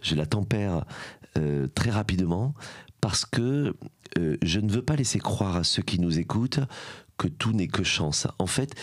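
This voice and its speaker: A man's voice: sits low, no room sound, studio quality. A middle-aged man from Aveyron with a southern French accent, telling his story as a podcast guest, reflective and full of hesitations. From Aveyron, southern France. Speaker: guest, association founder. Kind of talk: podcast conversation.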